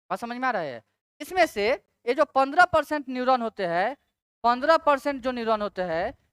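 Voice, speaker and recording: A woman lectures on exam-prep science in a fairly high, smooth and resonant voice. The sound is dry and close. She drags out key terms syllable by syllable and asks her students rhetorical questions to check they follow. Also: a bit bright, no echo. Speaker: teacher.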